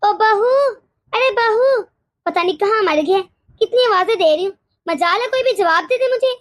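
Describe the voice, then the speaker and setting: A woman voicing a harsh, scolding older mother-in-law in an animated story, nagging and sharp-tongued. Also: extremely high pitch, brisk, no room sound, studio quality.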